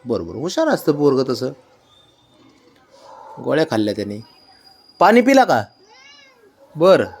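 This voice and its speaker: A man's voice: medium pitch, huge pitch swings, unhurried, pauses often, husky. A man at home talking fondly to his pet cat, teasing it with coaxing questions. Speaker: cat owner. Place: home, indoors.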